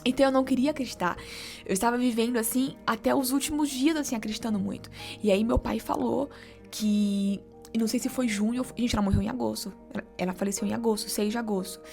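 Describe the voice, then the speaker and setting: A young Brazilian woman telling an emotional personal story, soft-spoken and often dropping to a whisper. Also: fairly high pitch, fairly even intonation, quick pace, gravelly, faint music behind. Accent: Brazilian Portuguese. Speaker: vlogger.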